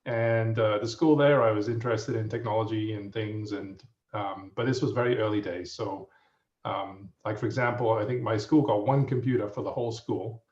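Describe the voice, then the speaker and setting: A man in his fifties with an English accent, a guest telling his story in a relaxed, rambling way with lots of fillers, heard over muffled remote audio. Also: fairly low pitch, normal speed. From England. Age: 50s. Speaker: guest professor. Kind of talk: casual storytelling. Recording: muffled, roomy audio from a distance.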